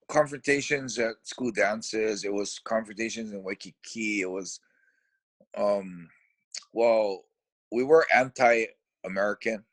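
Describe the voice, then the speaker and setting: A middle-aged man from Hawaii with a Hawaiian accent, talking as a guest in a casual interview. He speaks in a relaxed, rambling way, restarting his sentences often. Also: lowish voice, no echo.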